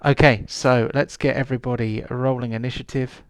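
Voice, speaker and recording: Halting male game master. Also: medium pitch, level tone, clean tone, dry recording. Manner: halting, many fillers. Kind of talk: narrating a tabletop game.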